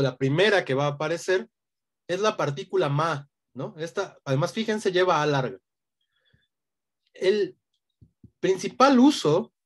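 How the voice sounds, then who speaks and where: A man teaching an online language lesson, explaining patiently and often checking in with a questioning tag. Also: a little high.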